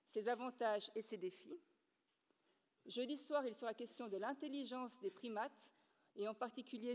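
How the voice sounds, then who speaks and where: Brief: female event host, formal read-out introduction, fairly high voice, hall reverb. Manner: measured, formal, reading from notes. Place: lecture hall.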